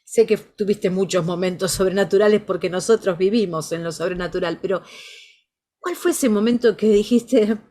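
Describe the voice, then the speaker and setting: A woman's voice: medium pitch, moderate pace, mellow. A woman interviewing a guest, affirming her answers emphatically and repeating words for stress. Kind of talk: interview questions.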